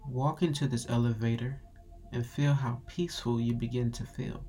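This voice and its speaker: Calm, meditative man guiding relaxation over music. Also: medium pitch, moderate pace. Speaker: guided meditation host. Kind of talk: guided meditation narration.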